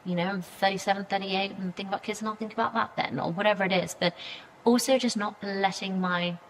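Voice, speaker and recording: A woman in her thirties chats as a guest on an interview podcast, at an ordinary middle pitch. She rambles warmly through fillers and restarts. She also slips into little acted-out quotes of what she and others said. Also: fairly even intonation, quick pace, a little hiss or hum, poor audio. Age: 30s. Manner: chatty, many fillers, acts out quoted reactions. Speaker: PR agency founder, podcast guest. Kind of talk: casual interview conversation.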